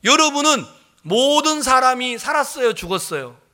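A man's voice: extremely high pitch, very animated, moderate pace, bright, forceful tone. A male pastor preaching a sermon, firing questions at the congregation and answering them himself.

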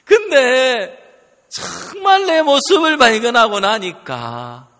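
A man preaching a sermon, telling a story in a lively way and acting out what others said. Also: very high-pitched, slow pace. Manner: animated storytelling, quoting others, laughing at times. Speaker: pastor. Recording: long hall reverb.

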